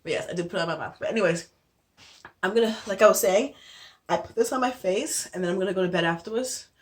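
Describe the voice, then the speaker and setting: A woman's voice: medium pitch, fast. A young adult woman giving a casual skincare tutorial, chatty and out of breath, with many fillers and restarts. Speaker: beauty vlogger.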